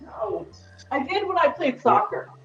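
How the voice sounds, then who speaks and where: A woman's voice: sits high, very animated, measured pace, slight background noise. A woman bantering bluntly and casually on a panel, on a dull echoey connection.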